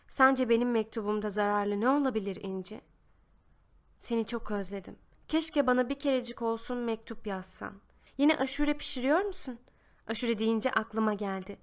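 Woman, fairly high voice, audiobook narration, expressive child's-eye storytelling. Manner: reads a child's first-person letters with lively, expressive shifts. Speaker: audiobook reader. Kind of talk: scripted narration.

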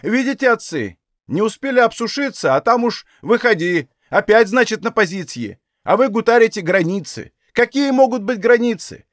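A man's voice: high voice, lively intonation, moderate pace, dry recording, studio quality, voice pushed up. A man voicing a sickly, meek young Cossack soldier pleading desperately to go home. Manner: pleading, exclaiming.

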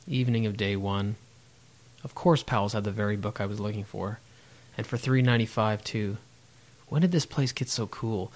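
Guy narrating his travel diary, kinda low voice, dry and thoughtful. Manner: reflective, wry, deliberate.

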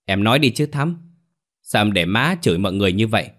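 A man's voice: fairly low pitch, lively intonation, fast, a bit bright. A man voicing a young troupe singer who stammers in distress in a ghost story audiobook.

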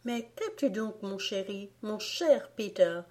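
A woman reading aloud voices a frightened young girl who pleads in high, tearful cries. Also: expressive, slow, a little mellow. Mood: tender.

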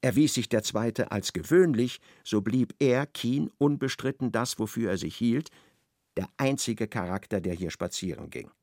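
In a dry studio recording, a male narrator delivers a radio play with measured irony. His mid-range voice is a little mellow, with a gravelly grain.

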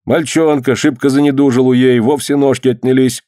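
Man voicing a folk healer, calm, puzzled, plain voice, dry. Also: mid-range voice, brisk, no room sound, lightly acted.

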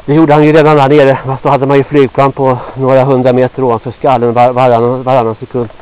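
A man in his sixties from Sweden rambling gruffly to himself on a walk through a forest, sweaty and a little out of breath. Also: medium pitch, level tone, darkish tone. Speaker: vlogger. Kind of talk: rambling walk-and-talk monologue. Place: outdoors in a forest. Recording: dull lo-fi outdoor recording.

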